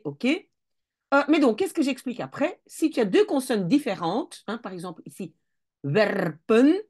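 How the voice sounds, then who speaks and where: A woman teaching Dutch spelling rules, explaining step by step and often correcting herself as she thinks aloud. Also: medium pitch. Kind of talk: casual explanatory lesson.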